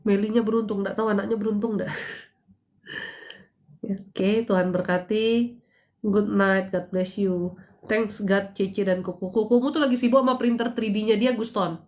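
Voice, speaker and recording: A woman's voice: medium pitch, fairly even intonation, moderate pace, a little mellow. A woman in her thirties talks through a casual live stream, moving between spiritual advice and playful gossip. She punches her main points with emphatic bursts, then drops back into easy, teasing chat.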